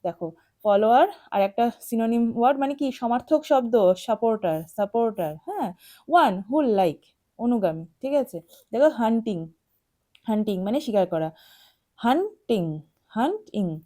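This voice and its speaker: Lady teacher going over english vocab for kids, mellow voice, a bit high, spells stuff out. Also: animated. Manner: explains slowly, spells words out letter by letter; repeats words for pupils to memorize. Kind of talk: online English lesson for young pupils.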